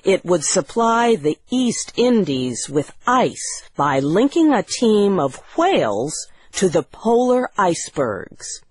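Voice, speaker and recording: Slow, deliberate woman storyteller. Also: mid-range voice, very animated, a little mellow, no room sound. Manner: slow, deliberate reading with clear phrasing. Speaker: narrator. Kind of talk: scripted story narration.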